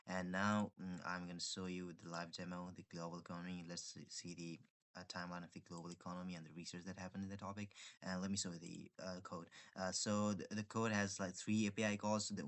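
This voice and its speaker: A man giving an informal software demo, hesitant and halting, often repeating his phrases. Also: deep voice. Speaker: software developer presenting a hackathon project.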